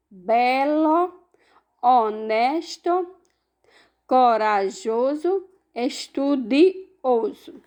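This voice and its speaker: A woman with a Brazilian Portuguese accent, teaching young children a remote lesson, explaining each step slowly and patiently. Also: on the high side.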